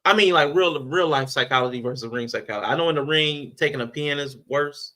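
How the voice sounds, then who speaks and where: A man's voice: on the high side, fast talker, bright, forceful tone, rough recording. A man co-hosting a wrestling review podcast, talking casually and animatedly, repeating himself and laughing often. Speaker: podcast co-host.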